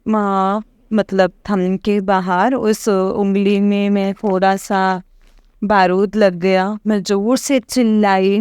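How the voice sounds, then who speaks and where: Slow, smooth-voiced woman telling a devotional testimony. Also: medium pitch, darkish tone, no echo, studio quality. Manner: meandering, with hesitant fillers and frequent address to the listeners. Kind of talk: rambling personal testimony to a congregation.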